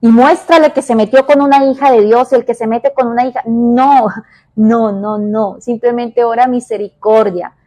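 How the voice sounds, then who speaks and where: A woman evangelist preaching a devotional with a fairly high voice. She drives her points home by repeating them and swings between hushed and lifted delivery. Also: steady tone, moderate pace. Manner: emphatic, repeats key phrases, shifts between soft and raised delivery. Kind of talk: devotional sermon.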